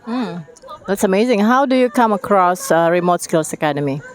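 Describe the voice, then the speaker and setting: A woman's voice: mid-range voice, animated, brisk. A woman interviewing a guest outdoors by the beach, friendly and hesitant with many fillers. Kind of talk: casual interview.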